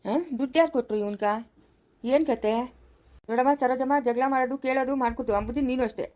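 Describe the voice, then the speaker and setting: A woman's voice: high voice, steady tone, quick pace, lightly acted. A woman voicing a stern older village woman in a family skit, with a rural Chikkaballapura Kannada accent, scolding and pleading. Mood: firm, instructing. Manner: scolding, pleading, rising to sharp questions.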